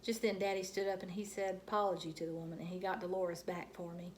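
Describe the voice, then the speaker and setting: A woman reads a children's book aloud in an animated, expressive storytelling style full of dramatic emphasis. Her voice sits on the low side and moves at a quick pace, with slight background noise.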